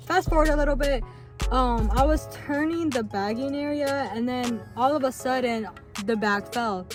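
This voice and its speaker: A woman's voice: high voice, normal speed. A young woman vlogger casually telling a story, chatty and full of fillers, with music playing behind.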